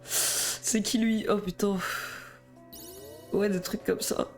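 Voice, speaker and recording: A man's voice: high-pitched, flat delivery, slow pace, gravelly, soft background music. A young man with a Belgian French accent, chatting nervously and rambling on a live stream, stammering and laughing. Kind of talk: casual live stream chat.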